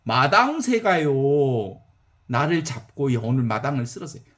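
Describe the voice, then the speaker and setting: A man's voice: mid-range voice, very animated, unhurried, fairly bright tone, voice pushed down. A man voicing small talking household brooms in a folk tale, eager and then mumbling sheepish excuses with a lilt.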